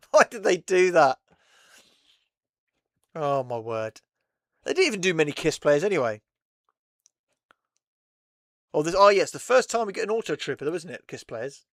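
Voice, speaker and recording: A man's voice: fairly high pitch, sing-song, moderate pace, long pauses, fairly bright tone, dry recording, studio quality. A man hosting a casual chat, rambling and laughing often between thoughts. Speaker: host.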